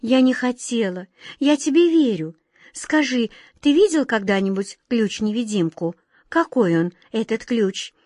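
A woman's voice: a little high, lively intonation, measured pace, a little mellow, dry recording, studio quality. A woman doing a frightened pleading little girl. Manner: pleading, tearful, anxious.

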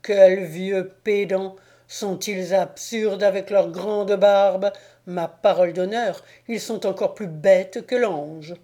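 A woman's voice: mid-range voice, takes it slowly, dark tone, natural voice. A woman reading an audiobook, voicing a wretched male devil disguised as an old slave who pleads and groans in self-pity. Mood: scornful.

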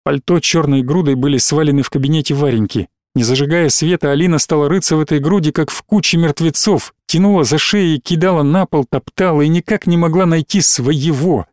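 A man narrating an audiobook in a steady, dramatic reading style. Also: fairly high pitch, a little fast, hardly any pauses, no echo, clean studio sound.

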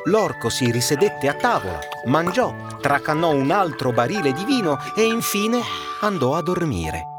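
A man narrating a fairy tale, expressive and dramatic. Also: on the high side, normal speed. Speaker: storyteller. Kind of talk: storybook narration. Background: background music.

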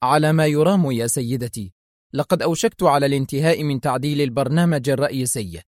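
A man's voice: medium pitch, fast talker, no echo, clean studio sound, natural voice. Man voicing a nervous bespectacled programmer. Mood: uneasy. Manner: hesitant, calm replies.

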